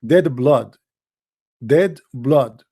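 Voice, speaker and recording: Speaking very slowly in a mid-range, dark-toned voice, the host, a middle-aged man whose native language is Arabic and who has an Arabic accent, runs a heated religious debate. He lectures insistently, driving his points home by repeating them.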